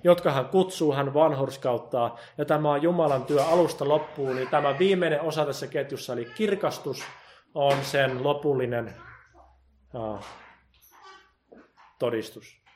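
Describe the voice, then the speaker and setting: A man preaching with a voice pitched a little above most men's. He swings from loud, pressing emphasis to hushed, intense appeals. He voices God's words in the first person as he goes. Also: a little hiss or hum. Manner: quotes God in first person. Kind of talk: sermon.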